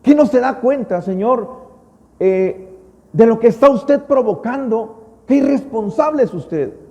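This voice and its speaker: A man's voice: high-pitched, a little fast, mellow, muffled recording. A man preacher voicing an exasperated middle-aged woman on a train who scolds a father, with long church-hall reverb. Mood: furious.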